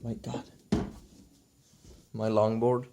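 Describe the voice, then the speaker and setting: Slow, low-voiced young man vlogging at home. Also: level tone, heavy background noise. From Sweden. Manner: slow and halting, with many restarts. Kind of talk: casual vlog. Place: at home indoors.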